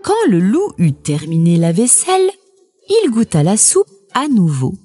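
Expressive, husky woman reading a storybook. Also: mid-range voice. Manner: expressive and unhurried.

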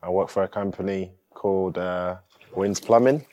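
A man's voice: low-pitched, steady tone, normal speed, darkish tone. A young man playing a game show contestant, laid-back and joking.

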